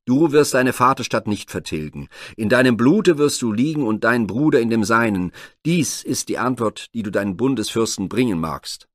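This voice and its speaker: A man's voice: medium pitch, animated, moderate pace, hardly any pauses, no echo, studio quality, lightly acted. A man voicing a bitter, wrathful blind old king in a spoken myth retelling, stern and cursing. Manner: stern, cursing, raising his voice.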